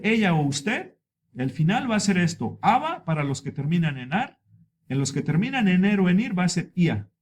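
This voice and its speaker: A male Spanish teacher explaining verb endings at a board, patient and repetitive, stretching example words out slowly for learners. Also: high voice, a little mellow.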